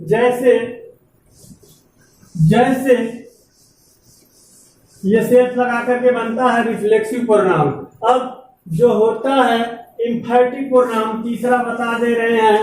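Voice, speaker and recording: A woman teacher giving a classroom grammar lesson, talking slowly, repeating terms and dictating examples word by word. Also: on the high side, steady tone, a little mellow. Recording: very echoey room, voice far from mic, faint background hum.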